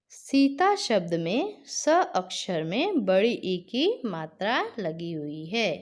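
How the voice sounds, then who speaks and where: A woman teacher with a medium-pitched voice gives a patient reading lesson for children, carefully stretching out each example word.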